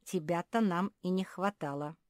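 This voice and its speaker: Speaking at a normal speed with a lowish, slightly mellow voice near her everyday one, a woman plays a storybook's bold young female pet who is brave and bossy. She barks orders in an eager, commanding manner, recorded in a clean studio without room sound.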